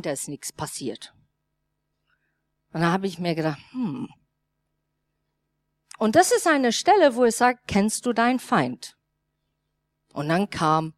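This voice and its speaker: A woman pastor, 30s or older, preaches a sermon at medium pitch in a dry recording. She tells a personal story in a lively way, acting out its dialogue, with small non-native grammar slips.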